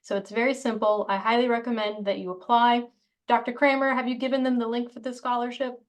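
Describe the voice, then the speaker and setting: A woman's voice: fairly high pitch, little pitch movement, fairly quick. Upbeat woman making an announcement. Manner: upbeat, encouraging. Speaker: regional chair.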